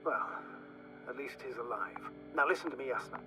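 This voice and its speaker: A steady male mission operator in a video game, voiced by a man, guiding a teammate from afar. He speaks in a measured, instructive way and reasons aloud. A game score plays clearly behind him. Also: mid-range voice, natural voice, poor audio. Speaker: remote mission operator on the radio. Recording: game audio with music under.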